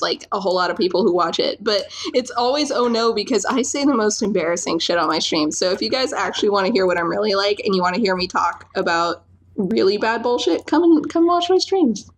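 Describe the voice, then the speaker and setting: Woman, somewhat high pitch, casual podcast guest, self-deprecating humour, free swearing. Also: lively intonation, a little fast. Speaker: podcast guest, artist and streamer. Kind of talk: casual chat.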